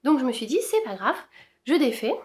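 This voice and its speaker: A woman's voice: high-pitched, big pitch swings, a little fast. A woman chatting casually about her knitting to camera, hesitant with many fillers. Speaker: knitting podcaster. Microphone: camera-mounted shotgun mic.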